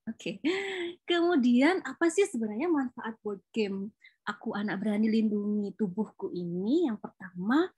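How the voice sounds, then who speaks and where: A woman's voice: a little high, lively intonation, a little slow, darkish tone, slightly rough. A woman, presenting a board game she co-created in a chatty, explanatory way, with frequent fillers. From Java, Indonesia. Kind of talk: informal presentation.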